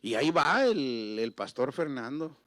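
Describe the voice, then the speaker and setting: A middle-aged man from Mexico, preaching with emotional storytelling that swings from loud exclamations to near-whispers. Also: medium pitch, sing-song, unhurried, dry recording, clean studio sound. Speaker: pastor.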